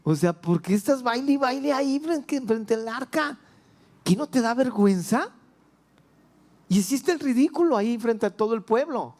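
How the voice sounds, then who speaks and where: A woman's voice: a little high, lively intonation, moderate pace, a little mellow, pitched above the performer's own voice. A man voicing a scornful young wife who mocks and scolds her husband, with a Mexican accent. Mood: scolding. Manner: mocking, scolding.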